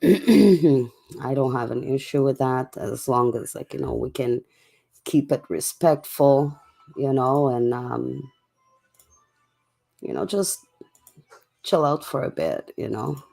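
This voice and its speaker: Coughing and growing hoarse, this livestream host hangs out with viewers late at night, chatting in a laid-back style. Their mid-range voice is animated yet slow and dark in tone, with long pauses and soft music playing behind.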